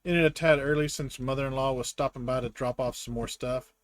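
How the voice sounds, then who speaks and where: A man's voice: medium pitch, fairly even intonation, fairly quick, no room sound. A man with a Southern US accent, chatting casually and self-deprecatingly while building a brick set on a live stream. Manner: rambling, self-deprecating, wry.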